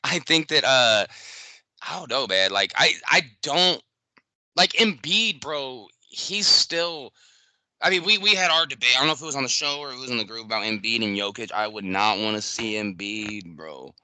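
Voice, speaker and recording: A man's voice: medium pitch, moderate pace, pushed and bright, clear, resonant tone, no room sound. A man co-hosting a podcast, talking sports in a loose, profane way that trails off and restarts. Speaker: podcast co-host. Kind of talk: casual sports chat.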